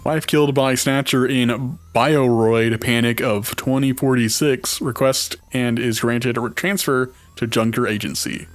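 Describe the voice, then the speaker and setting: A man's voice: medium pitch, fairly even intonation, measured pace, no echo, soft background music. Man reading game text aloud. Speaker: let's play player.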